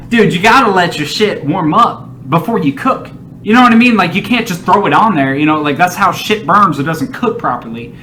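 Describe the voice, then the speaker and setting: Bright-voiced man casually ranting over background noise. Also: sits high, lively intonation, moderate pace. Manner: profane, rambling, opinionated; often breaks into laughter. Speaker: reaction video host. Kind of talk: casual reaction commentary.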